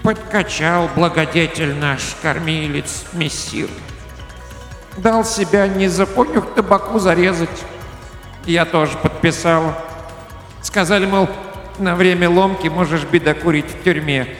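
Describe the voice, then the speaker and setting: A man voicing a raspy, scheming female spirit of trouble in a radio story reading. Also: unhurried. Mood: rueful. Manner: raspy, high and lively. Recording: echoey room with faint music.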